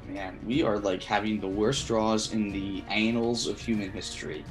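A man's voice: fairly low pitch, fairly even intonation, normal speed, over music. Wry grumbling man at the card table. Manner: grumbles wryly about his draws. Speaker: card game player. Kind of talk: casual gameplay chat.

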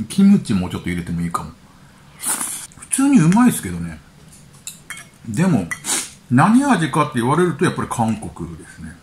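A man's voice: lowish voice, a little mellow, slight background noise. A man hosting a casual vlog from home, chatting loosely while eating and reading news items aloud with his own remarks. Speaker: channel host.

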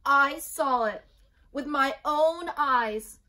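Woman playing Chicken Little, a panicked high-pitched chick. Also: sharp tone, heavily acted. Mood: insistent, dramatic. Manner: emphatic, drawn-out, alarmed delivery.

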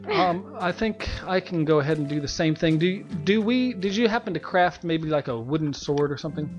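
A man's voice: on the high side, animated, brisk, muffled recording, soft background music. Rambling, jokey man gaming. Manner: rambling, self-mocking, laughs often. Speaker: Let's Play co-host. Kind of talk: casual gameplay chat.

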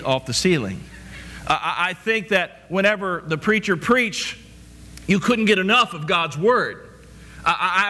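A man's voice: fairly high pitch, bright, forceful tone. A middle-aged man preaching a sermon from a church stage, asking rhetorical questions and restarting his words as he walks about. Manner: repetitive rhetorical questions, frequent stammered restarts. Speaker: pastor.

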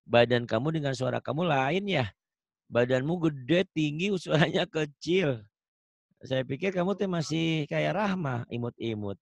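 A man tutors a student in Quran recitation over an online call. He talks in a lively, bouncy voice that rises and falls a lot, switching between easy chat and slow, stretched-out chanting of the verses. His voice sounds close and dry, with no room echo. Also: fairly high pitch, gravelly. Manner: chatty, coaching, chanting examples in a drawn-out melodic voice. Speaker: Quran reading teacher. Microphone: video call.

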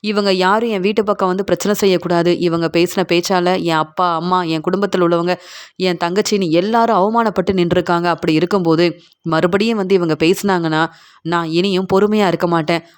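A woman's voice: on the low side, steady tone, a little fast, clear, resonant tone, lightly acted. A woman reading the lines of an angry young husband who is confronting his in-laws, in a retelling of a TV serial scene. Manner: indignant, accusing.

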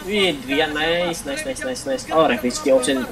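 A woman giving excited, casual live commentary on a game match, using slang and repeating words. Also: a bass voice, moderate pace. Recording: crowd noise behind the voice.

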